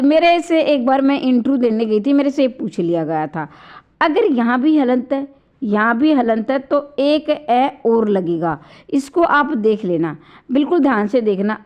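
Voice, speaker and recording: A woman with a high voice gives an online grammar lesson, going step by step and voicing each sound aloud to demonstrate. Her throat is slightly sore. The recording is dull and lo-fi. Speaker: Hindi grammar teacher. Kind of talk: online exam-prep lecture.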